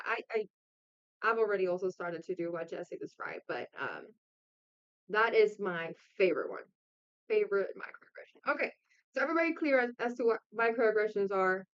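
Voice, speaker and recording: A woman from Puerto Rico gives an informal online lecture over a video call, speaking conversationally and often checking in with her listeners. Her voice is medium-pitched with a clean tone, though the audio sounds dull.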